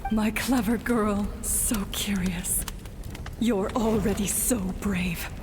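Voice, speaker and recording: A woman's voice: medium pitch, fairly even intonation, slow pace, background noise, close to an everyday voice. A woman acting an anguished mother, long reverb. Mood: tender farewell. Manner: pleading, emotional. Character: anguished, brave mother of a village under attack. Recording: long reverb, music behind.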